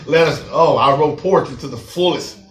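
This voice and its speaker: A man preaching to a group of parolees, animated, laughing and acting out voices as he goes. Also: fairly high pitch, moderate pace, slight background noise. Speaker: prison minister. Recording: echoey room, mic far off.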